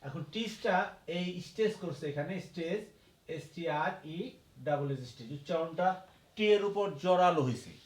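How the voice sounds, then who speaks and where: A male teacher gives a slow, careful lesson at a board and spells words out one letter at a time. His voice sits a little higher than most men's. The room around him rings with a clear echo. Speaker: English grammar teacher. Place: classroom.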